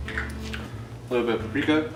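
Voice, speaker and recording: In an indoor kitchen, a man hosts a casual cooking video as a loose, giggly, tipsy ramble with offhand swearing. His voice is mid-range at normal speed, recorded far from the mic in an echoey room with background music and clattering pots and pans.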